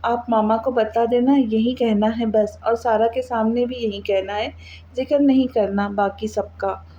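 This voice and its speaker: A woman reading a protective young husband, firm and steady. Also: a little high, a little slow, dull audio, slight background noise, natural voice. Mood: reassuring.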